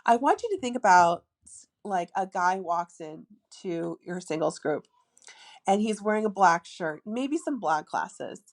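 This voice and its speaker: A woman's voice: lowish voice, animated, a little slow. A woman hosting a podcast and giving dating advice in a casual, chatty monologue, with lots of filler words and playful asides. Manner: demonstrates a lilting flirty tone. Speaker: podcast host, dating coach.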